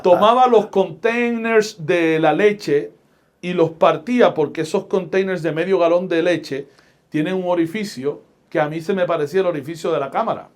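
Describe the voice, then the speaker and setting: A middle-aged Puerto Rican pastor and radio host, speaking with a Puerto Rican Spanish accent, recounts stories in a podcast interview. His voice is high-pitched, and he delivers his words with deliberate, emphatic preacher's force.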